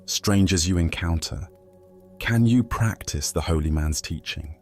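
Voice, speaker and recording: Man, very low voice, slow soothing sleep narration, calm and measured, quiet music underneath. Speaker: narrator of Buddhist teachings.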